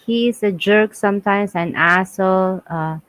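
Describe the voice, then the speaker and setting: Slow-talking Filipina woman co-hosting. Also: mid-range voice, fairly bright tone, no echo, rough recording. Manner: slow and halting, with nonstandard English grammar and frequent laughs. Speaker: co-host of a live stream. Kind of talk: casual live-stream chat.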